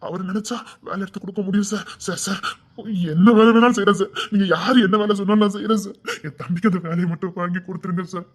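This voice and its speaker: Man playing a desperate elder brother, begging and repetitive, highish voice, Tirunelveli Tamil accent. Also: steady tone, racing. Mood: pleading.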